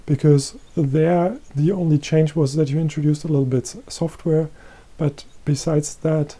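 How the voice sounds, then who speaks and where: A middle-aged man giving a recorded presentation as head of a research chair, explaining calmly and repeating himself. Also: fairly high pitch, moderate pace, husky. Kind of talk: presentation lecture. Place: green-screen studio.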